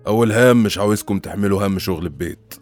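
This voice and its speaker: A man acts a grave old Egyptian widower father in a radio play. The voice is low and quick, with authority, over faint music. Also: close to an everyday voice. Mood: firm, solemn. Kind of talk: radio drama acting.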